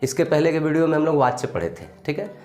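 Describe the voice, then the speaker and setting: A man's voice: a little high, steady tone, darkish tone. Echoey Hindi grammar teacher, man. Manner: explains slowly, repeats a confirming tag often. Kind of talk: classroom grammar lesson. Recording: echoey room, faint music.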